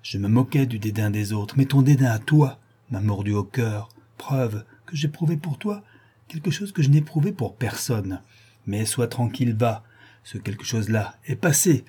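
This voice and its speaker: A man's voice: medium pitch, animated, normal speed, warm tone, husky. A man voicing a scornful, vengeful young woman, an ex-model, mocking and menacing. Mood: bitter menacing. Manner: mocking, then bitter and menacing.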